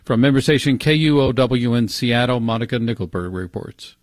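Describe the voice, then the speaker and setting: A man's voice: medium pitch, lively intonation, brisk, no room sound. An American man reading a scripted radio newscast as the anchor, close on a studio microphone. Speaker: news anchor. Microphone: close studio microphone, dry.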